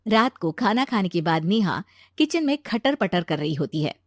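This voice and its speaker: A woman narrating a cartoon moral story in a steady storytelling manner. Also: mid-range voice, moderate pace, no echo, studio quality.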